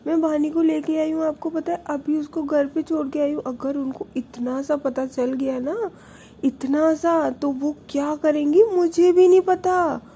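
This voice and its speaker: A woman's voice: sits high, slight background noise, pitched above the performer's own voice. A woman voicing a distraught, tearful young woman who pleads and protests, close to crying. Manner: pleading, near tears, rising to shouts.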